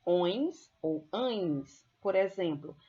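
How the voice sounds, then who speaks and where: A woman's voice: lowish voice, expressive, drawn-out words, lo-fi sound. A woman teacher with a Brazilian Portuguese accent giving a recorded grammar lesson, patiently explaining step by step and checking in with her students as she goes.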